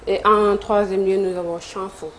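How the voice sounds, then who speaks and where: Senegalese woman on a quiz team, hesitant, flat voice. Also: mid-range voice, normal speed, a little hiss or hum. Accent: Senegalese French. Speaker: contestant. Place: TV studio.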